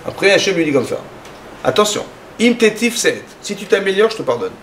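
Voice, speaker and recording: A man giving a lively sermon as a rabbi, acting out little dialogues in his talk. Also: a little fast, slight background noise. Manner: animated, acts out dialogues with rising pitch.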